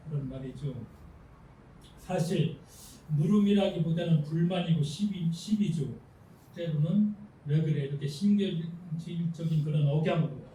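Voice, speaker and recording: A man, a pastor, giving a Sunday sermon in a calm, measured way and softly reading a passage aloud. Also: on the high side, slight background noise. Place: church sanctuary. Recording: echoey hall, mic from a distance, faint ambience.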